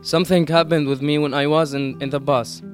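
Halting teenage boy from Syria. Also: on the high side, fairly even intonation, soft background music. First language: Arabic. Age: teens. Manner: halting, searching for English words. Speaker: student interviewee. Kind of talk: interview testimony.

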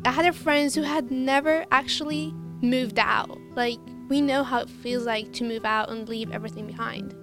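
Teen girl from Iraq, casual and filler-heavy, high voice, clear guitar behind. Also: steady tone, normal speed, hardly any pauses. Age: teens. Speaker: student interviewee. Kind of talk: interview testimony.

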